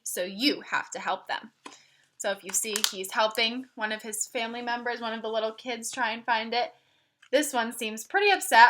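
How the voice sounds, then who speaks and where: Speaking in a slightly high voice with a sharp tone, a woman reads a picture book aloud to kids. She instructs them like a teacher, weaving in simple explanations and questions.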